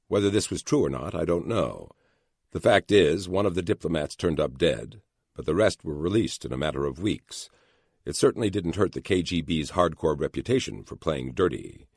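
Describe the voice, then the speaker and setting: A man reads a thriller audiobook in the first person, steady and measured. His voice sits extremely low with a gravelly, husky grain, and the recording is close and dry. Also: no room sound. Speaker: audiobook narrator.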